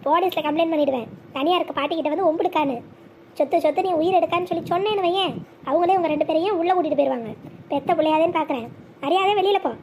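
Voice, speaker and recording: A voice actor playing a stern elderly widowed mother who scolds and commands, in a sped-up, pitch-raised cartoon voice. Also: racing, darkish tone, a little hiss or hum. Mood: furious. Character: stern elderly widowed mother, fiercely protective of her property. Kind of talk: cartoon voice acting.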